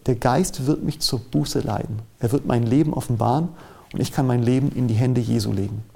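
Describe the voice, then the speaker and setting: Male preacher, earnest and measured; gravelly, warm low tone. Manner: earnest, measured preaching, reads scripture aloud with rising emphasis. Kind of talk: sermon.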